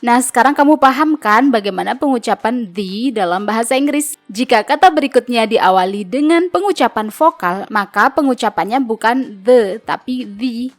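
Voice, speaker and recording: A woman narrating a scripted English lesson, saying each example word slowly and carefully twice. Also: on the high side, expressive, soft background music. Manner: slow, careful repetition of example words. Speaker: English teacher. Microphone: voice-over.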